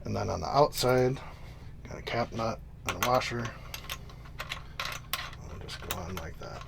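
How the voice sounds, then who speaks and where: Low-voiced man vlogging inside a small trailer. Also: a little slow, creaky. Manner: informal, thinking aloud while working. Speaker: DIY vlogger. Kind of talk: casual hands-on DIY narration. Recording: noisy, vehicle-like hum behind voice.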